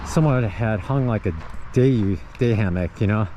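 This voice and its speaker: This trail vlog comes from a worn-out fifty-year-old thru-hiker chatting into his camera in the forest, with frequent laughter. He speaks at a measured pace in a fairly low, warm voice. The audio is dull with a faint hiss or hum.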